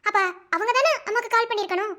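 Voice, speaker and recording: A woman's voice: very high voice, fast talker, sharp tone. A woman doing a worried little girl. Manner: anxious, questioning. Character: worried little girl asking about her mother.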